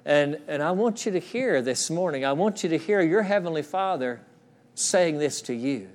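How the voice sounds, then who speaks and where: A middle-aged pastor delivers an earnest sermon to his congregation in a church. His voice sits a little high for a man, and he often repeats his phrases. He drops to a soft, slow hush whenever he speaks the quoted words. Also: expressive. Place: church sanctuary.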